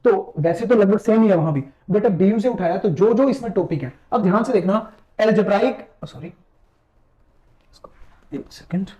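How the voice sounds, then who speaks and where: A man's voice: sits high, moderate pace, mellow, lo-fi sound. A man teaching math exam preparation in casual Hindi mixed with English terms, walking through a syllabus and telling viewers to watch closely. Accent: Hindi, mixing English math terms. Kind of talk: screen-share syllabus walkthrough lecture.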